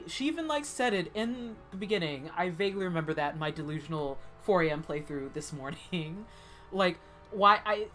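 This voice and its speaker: Woman, lowish voice, casual gameplay chat, rambling, lots of "like", faint music underneath. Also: a bit bright. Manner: rambling, fillers of "like", heated but cheerful. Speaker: gameplay commentator.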